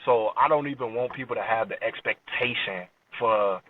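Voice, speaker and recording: A medium-pitched American man, a rap artist from Chicago in his late 20s, speaks at a moderate pace as a podcast guest. He's slangy and relaxed, often asking whether the listener gets him. The audio is dry, dull and lo-fi, with the mic placed far from him.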